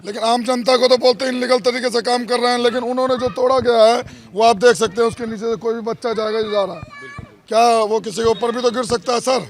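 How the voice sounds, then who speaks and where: A local man giving a street interview about a grievance. His voice sits very high, and he builds his case with earnest, pleading appeals. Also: steady tone, fast. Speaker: local resident.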